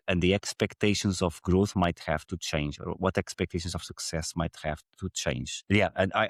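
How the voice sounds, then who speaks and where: A man's voice: sits low, no room sound, clean studio sound. A man from Portugal with a Portuguese accent, a podcast guest explaining his ideas earnestly and at length in run-on thoughts. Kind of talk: conversational interview.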